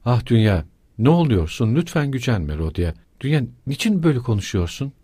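A man voicing an anxious, talkative elderly mother who speaks in a hurried, fretful way. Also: medium pitch, big pitch swings, mellow, husky, dry recording.

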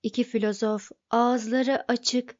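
Female audiobook narrator, steady and clear, slightly high; dry, somewhat dull recording. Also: a little slow, no room sound. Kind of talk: scripted narration.

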